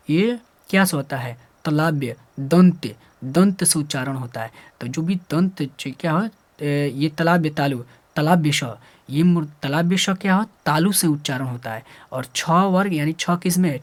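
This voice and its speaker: A man teaching grammar, explaining step by step, often checking whether students follow and voicing their questions himself. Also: on the high side. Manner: animated, repeats "clear?" and "sir", acts out student questions. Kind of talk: classroom lesson, explaining step by step.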